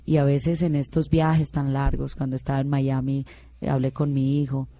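A middle-aged Colombian singer, being interviewed, tells her life story in a very deep, warm voice with flat delivery at a moderate pace. She is earnest and heartfelt, restarting her sentences often as she shares this emotional account.

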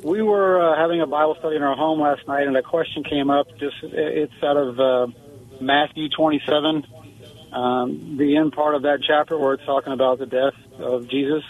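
A man's voice: a little high, fairly even intonation, moderate pace. Man calling in over a tinny phone. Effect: heard over the phone. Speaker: caller. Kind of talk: call-in radio question. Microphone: telephone.

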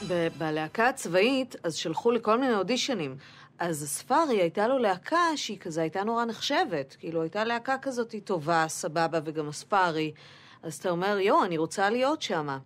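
A woman's voice: medium pitch, animated, soft background music. A female comedian telling a chatty story about an audition. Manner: casual, chatty.

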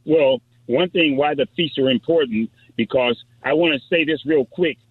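A man's voice: on the high side, normal speed, slightly rough, no room sound. A man, a pastor, calling in to a radio show over the telephone line, eager and repeating himself as he cites scripture verses. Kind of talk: phone-in radio call. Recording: narrow tinny phone line, dry.

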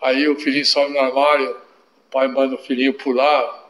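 An older man with a Brazilian accent, an interview guest telling anecdotes in an animated way, often adding tag questions. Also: medium pitch, normal speed, echoey room. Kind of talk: storytelling in an interview.

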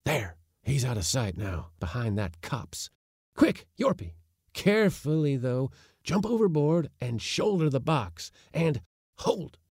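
A man voicing an excitable, secretive old uncle who gives urgent hissed whispers and sharp commands. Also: medium pitch, slow pace, breathy edge, no echo, clean studio sound, pitched above the performer's own voice, heavily acted. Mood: urgent, commanding.

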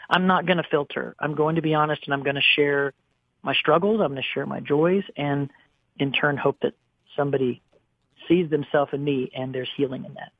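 On a dry, phone-like radio line, a man in his forties with a fairly high voice opens up as a guest singer. He tells personal stories with earnest emotion and many restarts.

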